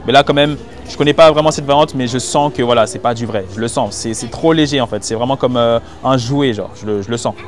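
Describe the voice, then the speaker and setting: With a medium-pitched voice, a man talks fast with hardly any pauses, reviewing market goods for his viewers. His French is informal and full of slang as he thinks aloud while shopping busy stalls. It's a candid recording from a hidden mic on location, with music behind.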